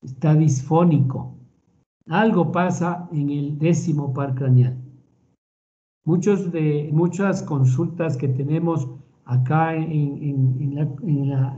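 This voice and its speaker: A man with an Ecuadorian Spanish accent giving a recorded medical lecture in a measured, explanatory way, often repeating words as he thinks. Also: on the high side, warm tone, dull audio.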